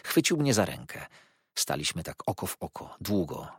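A man narrating a literary audiobook in a dramatic, expressive reading. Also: low voice, normal speed, breathy edge, dry recording, clean studio sound.

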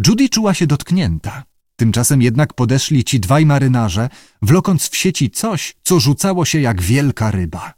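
Guy reading an audiobook, really lively delivery, dry close sound. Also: mid-range voice, normal speed, dry recording. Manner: expressive storytelling. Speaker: audiobook narrator. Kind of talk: scripted narration.

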